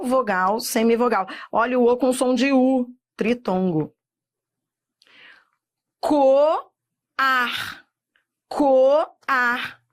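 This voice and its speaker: A middle-aged woman with a Brazilian Portuguese accent, teaching a recorded exam-prep lesson and drawing words out slowly, often checking in with "tá?". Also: on the high side, fairly bright tone. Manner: slow, drawn-out spelling of words with frequent checks like "tá?".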